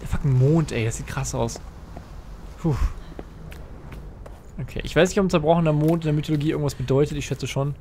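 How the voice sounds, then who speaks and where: A young man giving casual, excitable gameplay commentary, thinking aloud and swearing often. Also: on the high side, a little fast, long pauses, a little hiss or hum. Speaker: let's player.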